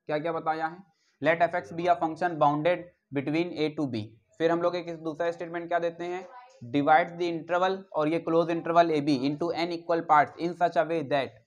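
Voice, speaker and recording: A male maths teacher giving a classroom lecture, often asking if students follow and dictating definitions slowly. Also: fairly high pitch. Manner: keeps asking if students follow, repeats key terms. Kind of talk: classroom lecture on real analysis.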